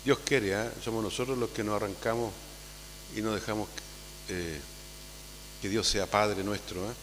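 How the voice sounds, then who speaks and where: Priest preaching in a reverberant church. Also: male voice, on the low side, fairly even intonation, moderate pace. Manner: conversational, tags phrases with "¿ah?"; calls out loudly to gather children. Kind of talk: homily at Sunday Mass. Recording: long church reverb with faint hum.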